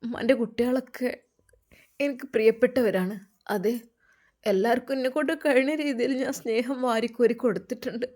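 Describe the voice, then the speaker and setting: A woman voicing a loving elderly mother who speaks in a soft, low, gentle way. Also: steady tone, a little fast, natural voice. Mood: tender. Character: loving elderly village mother, tender and doting.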